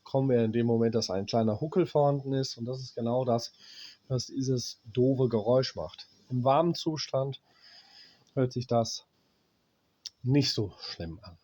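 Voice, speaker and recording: Explaining a dryer repair, a German-accented man with a cold keeps it blunt and plain, swearing at cheap equipment. His mellow voice sits in the mid range, and he coughs, pauses at the work and talks to himself as he checks each part.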